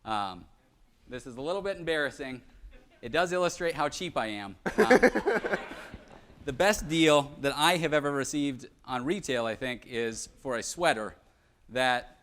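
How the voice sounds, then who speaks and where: A man's voice: mid-range voice, expressive, measured pace, a bit bright. A young man giving a live presentation, telling self-deprecating stories with humor. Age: young adult. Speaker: conference speaker.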